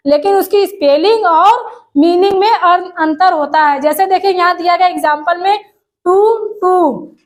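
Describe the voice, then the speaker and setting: Very high-pitched, this teacher walks through exam prep one step at a time. She reads definitions out slowly, poses rhetorical questions and returns to the key terms again and again.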